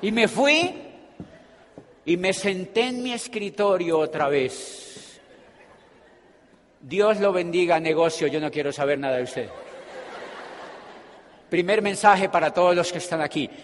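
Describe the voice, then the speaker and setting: A man's voice: high voice, a little slow, pauses often, a little hiss or hum. A man giving a humorous, storytelling motivational speech to an audience and acting out the scenes he describes. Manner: animated, humorous, acts out scenes. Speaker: motivational speaker at a business meeting. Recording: hall reverb.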